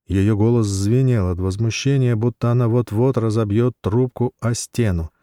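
Deep-voiced male story narrator. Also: steady tone, warm tone, dry recording, clean studio sound. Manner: measured storytelling. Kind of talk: audiobook narration.

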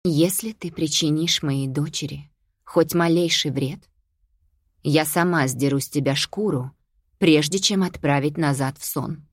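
A woman's voice: low voice, dry recording, clean studio sound. A woman reading an audiobook, voicing a mother who speaks firmly and lays down strict conditions. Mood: stern. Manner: firm, measured, warning. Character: stern protective mother.

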